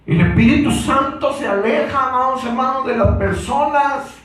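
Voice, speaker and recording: High-voiced slow preacher in echoey church. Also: male voice, far from the mic. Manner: repeats "hermanos" constantly, rising to shouts. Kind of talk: Pentecostal sermon. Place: church hall.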